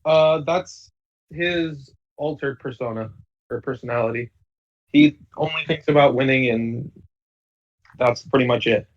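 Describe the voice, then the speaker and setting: A man's voice: medium pitch, measured pace, long pauses. A man co-hosting a casual podcast chat, joking and teasing the others. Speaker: podcast co-host. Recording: dull lo-fi audio.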